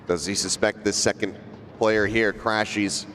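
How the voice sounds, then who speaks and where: A man working as an esports caster, giving dramatic, flowing, excited play-by-play commentary on a live match. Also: fairly low pitch, measured pace, slight background noise.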